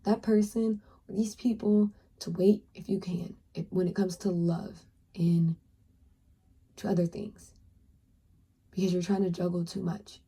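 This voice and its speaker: Young woman, tarot reader, husky, very mellow dark tone, earnest and encouraging, slips into whispers. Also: fairly low pitch. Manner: earnest, encouraging, talks straight to the viewer. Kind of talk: pick-a-card tarot reading.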